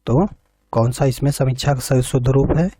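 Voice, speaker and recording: A man's voice: medium pitch, moderate pace, mellow, no room sound. A man teaching an exam preparation lesson, reading each question and its options, then explaining the answer step by step and repeating points back.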